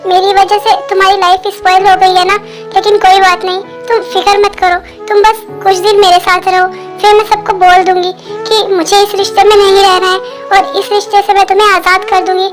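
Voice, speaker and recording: A woman voicing a sad, self-blaming young wife in a fan dub, soft-spoken and resigned, with faint music behind. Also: very high voice, flat delivery, a little fast, pitched above the performer's own voice.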